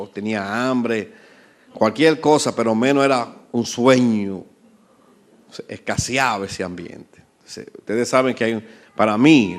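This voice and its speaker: A man, a pastor, preaching a sermon, asking the congregation questions and letting his voice rise and fall in volume for emphasis. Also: mid-range voice. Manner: volume swells and drops for emphasis.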